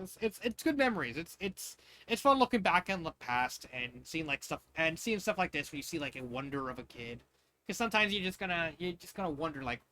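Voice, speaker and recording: Reading fan fiction, a man from the United States in his thirties or forties uses a fairly high, bright, forceful voice. His delivery is casual and halting, full of rambling tangents where phrases get repeated.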